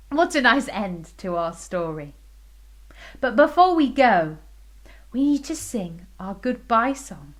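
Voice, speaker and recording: A woman telling a story to small children, playful and expressive, dropping into whispers and sound effects. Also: medium pitch. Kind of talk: storytelling for under-fives.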